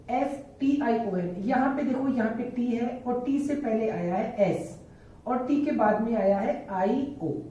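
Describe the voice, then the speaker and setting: A woman teaching English pronunciation to beginners, spelling each word letter by letter and then repeating it slowly. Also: fairly high pitch, dark tone, slight background noise. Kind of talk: beginner phonics lesson. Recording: echoey room, voice from a distance.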